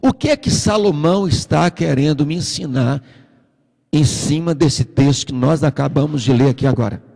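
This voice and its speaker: A man with a Brazilian accent preaching a sermon as pastor, a lively storyteller who acts out the voices in his stories. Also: on the high side, moderate pace, creaky, in a large hall. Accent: Brazilian Portuguese. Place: church.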